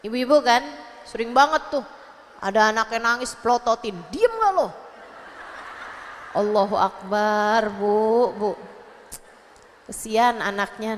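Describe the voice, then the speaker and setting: Lady preacher, high voice, joking and chatty with the moms, big echoey hall. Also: fairly bright tone. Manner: chatty, humorous, acts out mothers and children. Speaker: Islamic preacher. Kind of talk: sermon to a women's study gathering. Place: religious study gathering in a hall.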